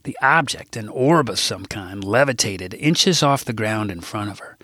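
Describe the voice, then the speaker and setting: Bright-voiced man reading his comic book. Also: lowish voice, lively intonation, normal speed, dry recording, clean studio sound. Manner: wry, irreverent asides to the listener. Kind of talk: comic audiobook narration.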